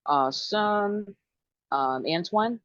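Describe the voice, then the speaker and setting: A woman hosting a dating show call, moving briskly through her guests with upbeat replies. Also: medium pitch, expressive, no room sound, lo-fi sound.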